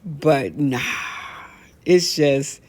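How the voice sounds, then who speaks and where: A middle-aged American host of a casual talk show speaks in a low voice and very slowly. She tells stories in a comedic rant, blunt and animated, leaning on colloquial speech and repeating phrases for emphasis.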